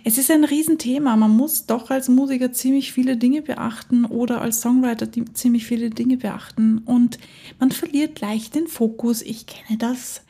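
Talking solo on her own podcast, a German-speaking woman keeps things chatty and enthusiastic, laughing frequently in this casual monologue. She speaks at a moderate pace with a steady, warm tone and a fairly high, husky voice.

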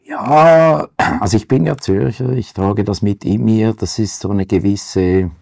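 Deep gravelly Swiss-German man. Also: measured pace, darkish tone, no room sound, studio quality. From Zurich, Switzerland. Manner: tags sentences with "oder?". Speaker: vegetarian restaurant owner. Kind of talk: panel discussion.

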